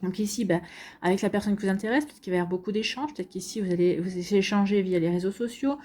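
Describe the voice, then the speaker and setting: A woman's voice: medium pitch, very fast, mellow. A woman giving a casual tarot reading to her viewers, chatty and full of fillers and repeats. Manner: chatty, many fillers and repeated "donc ici". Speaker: tarot card reader.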